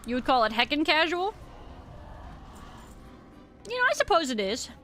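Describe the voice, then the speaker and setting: A woman's voice: high voice, very animated, normal speed, a bit bright, faint music behind. A woman game streamer chatting casually with her viewers in a rambling, slangy, informal stream of talk. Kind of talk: casual live-stream chat with viewers while gaming.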